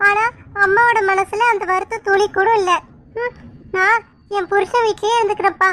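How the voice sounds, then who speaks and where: A woman's voice: very high-pitched, steady tone, normal speed, bright, forceful tone. A woman voicing a sulky, teasing young bride daughter in a cartoon, talking in a whiny, pleading way. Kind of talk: cartoon voice acting.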